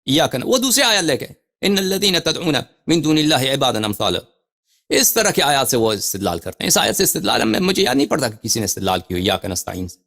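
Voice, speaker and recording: A male religious scholar giving a lecture on scripture. He reads quoted passages slowly, then explains them with emphatic, repeated phrases. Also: medium pitch, sing-song, gravelly, a bit bright. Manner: repeats and restarts phrases while thinking aloud.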